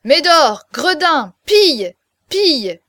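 A woman's voice: high-pitched, very animated, takes it slowly, no echo, studio quality, pitched above the performer's own voice, exaggerated voice. Woman acting out a roaring jealous giant. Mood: commanding. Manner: roaring, shouting. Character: brutish giant man bellowing in jealous rage.

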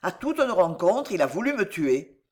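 An audiobook reader voicing a seasoned male swordsman who speaks calmly and dryly, with biting irony. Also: medium pitch, normal speed, lightly acted. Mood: calm grave. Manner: calm, dry and mocking. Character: cool, ironic male swordsman, seasoned fighter. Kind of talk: audiobook character voice.

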